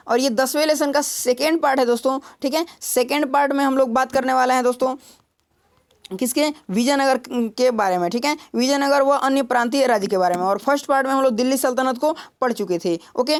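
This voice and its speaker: A man's voice: very high-pitched, clear, resonant tone. A young man teaching an exam-prep history lesson, explaining step by step, asking rhetorical questions and checking in with "ठीक है" again and again. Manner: explanatory, repeats "ठीक है" and "दोस्तों" constantly; builds memory tricks with rhetorical questions.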